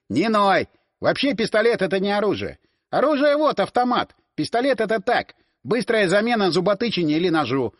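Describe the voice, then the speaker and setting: A laid-back young man who lectures in a know-it-all way, voiced by a male narrator. It stays close to the reader's own voice, lively and animated, with a dry, close sound. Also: high voice, dry recording.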